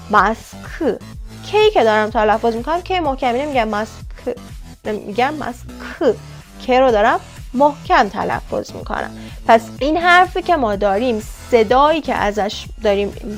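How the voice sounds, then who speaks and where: Lady teaching korean letters, kinda high voice, soft music in the back, says each sound over and over. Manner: repeats sounds slowly, addresses viewers as kids. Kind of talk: explaining Korean consonants.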